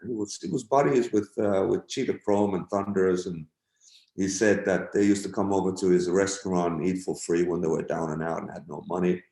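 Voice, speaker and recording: A man's voice: sits low, steady tone, fairly quick, gravelly, dark tone. A middle-aged man and guest musician, laid-back and swearing freely as he tells stories and acts out quotes. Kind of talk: casual interview storytelling. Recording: roomy echo.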